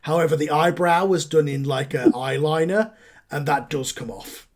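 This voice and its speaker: A man running a tabletop wrestling game as game master, thinking aloud in halting, relaxed phrases. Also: a little high.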